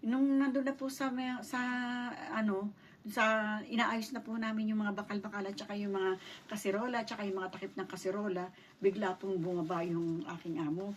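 A middle-aged Filipina vlogger recounts a personal story politely, quoting and acting out the dialogue as she goes. Her medium-pitched voice moves at normal speed with fairly even intonation, captured on a distant mic with faint background noise.

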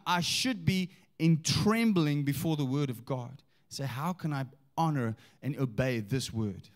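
A man delivers a sermon to a church congregation, his voice sitting a little higher than most men's. He reads scripture slowly and with weight, then turns to the people with questions and calls for them to answer back. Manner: emphatic, engaging the congregation with questions. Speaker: preacher.

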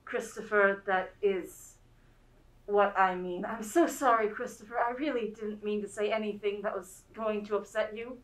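A woman's voice: medium pitch, steady tone, normal speed, lightly acted, poor audio. Young woman as a kindly older neighbour woman, apologetic, soothing, stage play.

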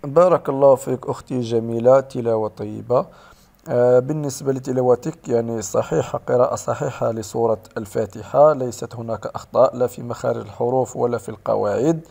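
A man teaching Quran recitation, patiently correcting his students and slowly modeling the right pronunciation. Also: mid-range voice, creaky, warm tone.

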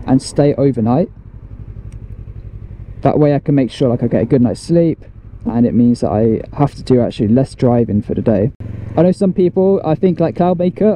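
A man's voice: medium pitch, mellow, rough recording. Chatty man vlogging from a motorbike. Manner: chatty, rambling, explains step by step. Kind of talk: casual chat to camera while riding. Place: outdoors on a motorcycle by the road. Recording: faint road and traffic noise.

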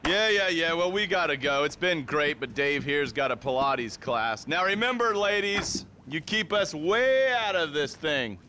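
A man's voice: on the high side, lively intonation, measured pace, few pauses, sharp tone, slight background noise. An actor playing a smug, patronizing male federal agent in a video game cutscene. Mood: mocking. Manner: mocking, patronizing. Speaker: smug government agent character.

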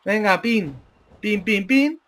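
A man with a Spain Spanish accent doing excitable let's-play commentary, yelling and swearing at the game. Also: high-pitched, slow. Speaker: gamer.

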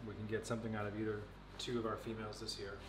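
A young man in his twenties casually showing and explaining snakes in an indoor reptile room, relaxed and knowledgeable, with many fillers. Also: lowish voice, racing, distant mic. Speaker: facility owner giving a tour. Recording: echoey room, off-mic, music behind.

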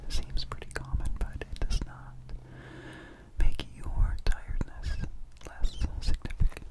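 A man giving a whispered ASMR pep talk, soothing and reassuring, speaking softly without voice up close to the microphone. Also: unhurried. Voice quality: unvoiced whisper. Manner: soothing, reassuring, repeats short phrases. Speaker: ASMR performer.

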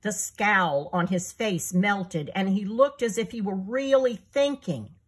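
A woman reading her own children's book aloud in an expressive storyteller manner. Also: mid-range voice, slow, husky.

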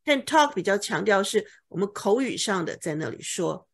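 A woman's voice: mid-range voice, very animated, normal speed, vocal fry, slightly rough. A woman tutoring English vocabulary, patiently explaining word meanings and checking for understanding with frequent OK. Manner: patient, repeats key words with OK checks.

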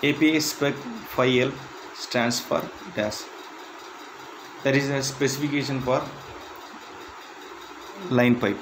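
A man reading interview questions and answers aloud in a plain, measured way, with slightly halting phrasing. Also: mid-range voice, steady tone, noisy background. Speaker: instructor.

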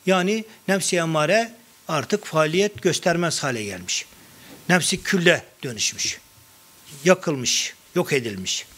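A man's voice: a little high, fairly bright tone. A middle-aged man giving a public talk on Sufi poetry, telling anecdotes and quoting verses in a conversational way.

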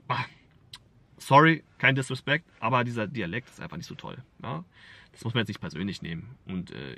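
A man tells a personal story straight to the camera in a loose, rambling way, full of fillers and casual swearing. His pitch sits in an ordinary middle range, and the recording is dry, with no room sound. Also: bright, forceful tone, dry recording. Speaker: vlogger. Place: Berlin.

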